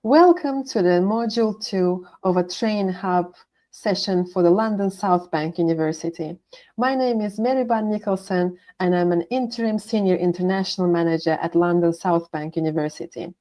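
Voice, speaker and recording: A woman's voice: fairly low pitch, normal speed, mellow. A woman working as a university international manager, giving a scripted presentation and methodically listing course names.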